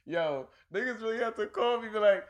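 A man hosting a casual podcast chat, slangy and quick to laugh. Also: sits high, animated. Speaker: podcast host.

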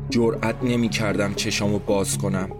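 Man narrating tensely over loud music. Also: on the low side, level tone. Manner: tense inner monologue. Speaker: narrator and reader. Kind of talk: first-person scripted story narration. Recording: loud background music score.

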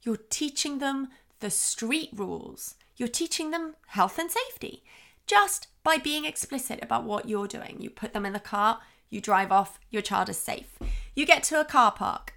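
A woman hosting a parenting podcast, calmly explaining child development and acting out what she says to her young daughter. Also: on the high side, moderate pace, creaky. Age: adult, parent of a young daughter. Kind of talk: advice podcast monologue.

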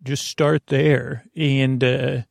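Close-miked and dry, without any echo, a man hosts a sleep podcast in a flat, gravelly, creaky mid-range voice. His rambling intro wanders, halts, repeats and fades out mid-thought, but the overall effect is gentle and reassuring.

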